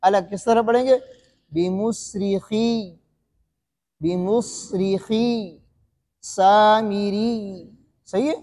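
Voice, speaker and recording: Male recitation teacher with a high voice: repeats questions, drags out the examples, sounds heavily reverbed. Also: darkish tone. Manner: repeats questions to the students and answers them himself; slow, drawn-out demonstration recitations. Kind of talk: classroom-style recitation lesson.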